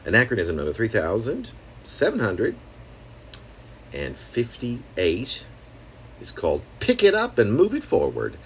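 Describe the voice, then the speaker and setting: Reading his own experimental prose poem, a poet with a lowish voice swoops wildly in pitch, unhurried and pausing often. His manner is conversational and wry, full of asides and rhetorical questions, with slight background noise.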